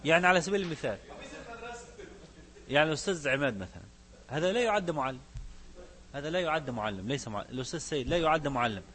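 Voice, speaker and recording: Fast-talking Egyptian sheikh teaching. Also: male voice, a little high, lively intonation, a bit bright. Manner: mixes classical recitation with Egyptian colloquial asides, quizzes students. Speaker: sheikh teaching a fiqh book. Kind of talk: religious lesson to students.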